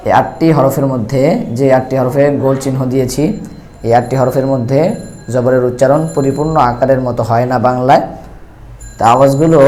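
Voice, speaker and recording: Patient male Quran teacher, mellow voice. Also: mid-range voice, a little hiss or hum. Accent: Bangladeshi Bengali. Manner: patient, repetitive, draws out letter sounds slowly when demonstrating. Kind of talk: step-by-step recitation lesson.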